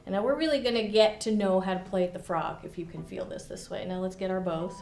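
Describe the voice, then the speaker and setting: Woman viola teacher, mid-pitched, encouraging and descriptive, roomy studio sound. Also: fairly quick, creaky, darkish tone, a little hiss or hum. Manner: encouraging, explains with imagery. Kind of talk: instructional lesson with demonstration. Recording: echoey room.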